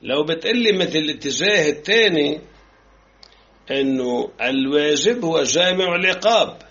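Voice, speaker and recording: A man's voice: a little high, pushed and bright. A man with a Lebanese accent teaching a seminary class, reading a text aloud and then arguing with it through rhetorical questions. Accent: Lebanese Arabic. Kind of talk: classroom lecture on jurisprudence. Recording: dull lo-fi class recording.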